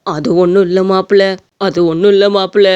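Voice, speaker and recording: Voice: mid-range voice, fairly even intonation, brisk, a little mellow, clean tone, highs cut off, close to an everyday voice. An actor playing a worried old Tamil father. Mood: humble. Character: worried older father, humble and pleading. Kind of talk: cartoon story voice acting.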